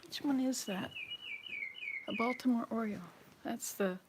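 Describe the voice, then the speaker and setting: A woman's voice: fairly high pitch, normal speed, noisy background. Chatty woman in her sixties vlogging chores. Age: 60s. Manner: chatty, rambling, talks to viewers while doing chores. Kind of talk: casual chat while cleaning house. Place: home indoors.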